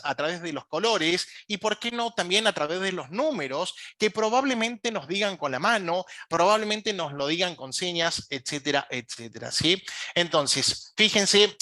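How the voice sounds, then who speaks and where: A man with an Argentine accent lectures as an emergency communication instructor, his voice pitched high and bright. He hesitates often on short fillers and keeps checking in with listeners. The recording is dry and close, with no room sound. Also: no room sound. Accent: Argentine Spanish. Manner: asks the audience frequent check-in questions.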